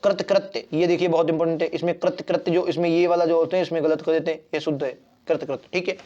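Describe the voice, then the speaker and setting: A man's voice: on the high side, steady tone, fast, dark tone. Repetitive man teaching exam Hindi, lo-fi. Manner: repetitive, drills spellings with "theek hai". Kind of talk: online exam-prep lesson. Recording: dull lo-fi recording.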